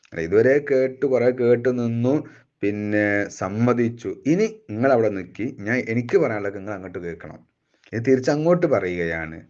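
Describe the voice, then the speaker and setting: A man teaching a classical devotional poem line by line, slowly chanting each verse and then explaining it briskly. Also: lowish voice, a little mellow, dull audio. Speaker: religious teacher.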